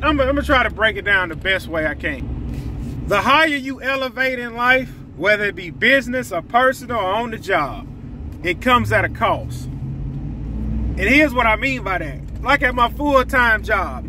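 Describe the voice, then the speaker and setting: A middle-aged man, a lawn service owner telling stories plainly, repeating his phrases, recorded by a dashboard camera in his pickup truck. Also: high voice. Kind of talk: casual vlog talk while driving. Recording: clear road noise behind.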